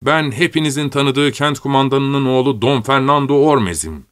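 A man's voice: medium pitch, normal speed, fairly bright tone, clear, resonant tone, lightly acted. A man voicing a bold young nobleman who speaks firmly and gives commands. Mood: commanding. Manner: firm, commanding delivery.

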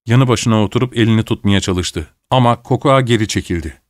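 A man's voice: lowish voice, no room sound. Man narrating a classic tale, dry. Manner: measured, storytelling. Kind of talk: audiobook narration.

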